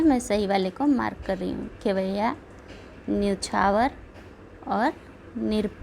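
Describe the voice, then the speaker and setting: A woman's voice: mid-range voice, gravelly, slight background noise, low-quality recording. A woman teaching an exam-prep spelling lesson, reading out the answer options one by one and checking in with her students after each point. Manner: steady, checks in with repeated "ठीक है".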